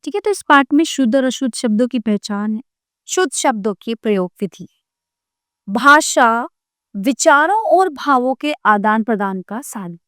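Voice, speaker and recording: Woman teacher with a bright, dry voice. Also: fairly high pitch, lively intonation, normal speed, dry recording. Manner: reads word pairs aloud, repeating each word twice; addresses children warmly with set greetings. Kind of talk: classroom video lesson.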